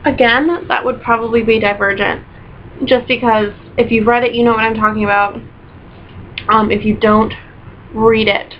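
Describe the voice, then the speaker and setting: A woman's voice: on the high side, little pitch movement, normal speed, slight background noise. A young woman chatting casually in a book review vlog, gushing and piling up repeated words for emphasis, recorded at home on a built-in camera mic. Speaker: book vlogger. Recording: dull lo-fi webcam audio.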